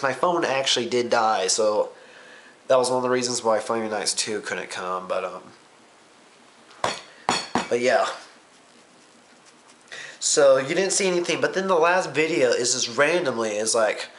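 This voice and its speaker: A young vlogger rambles through a casual recap, full of ums, swearing offhandedly and jumping from thought to thought. His voice is medium-pitched and a bit bright, at a normal speed with long pauses.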